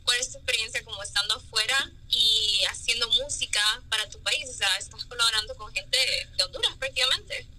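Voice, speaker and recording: Woman, interviewer, slightly high pitch, very bright tone, upbeat, casual. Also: animated, brisk, few pauses, rough recording.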